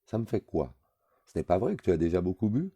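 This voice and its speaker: A man reading a novel aloud, voicing a sharp-tongued young woman who scolds her lover. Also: low voice, very animated, fast talker, no echo, voice pushed up. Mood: reproachful. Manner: cutting, scolding.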